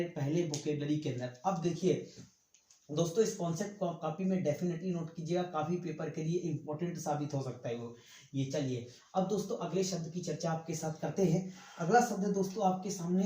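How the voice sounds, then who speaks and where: Guy teaching english vocab online, mellow voice kinda high, writes on board, echoey room. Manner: repeats words, keeps calling listeners "friends"; talks while writing on a board. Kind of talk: online exam-prep lesson.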